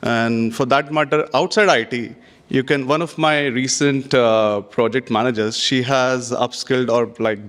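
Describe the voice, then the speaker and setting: Man, conference panelist, earnest, advice-giving, mid pitch, talks in loose run-on phrasing. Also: a bit bright. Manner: earnest, advice-giving, frequent "you know" and "having said that". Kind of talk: panel discussion answers. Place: conference stage.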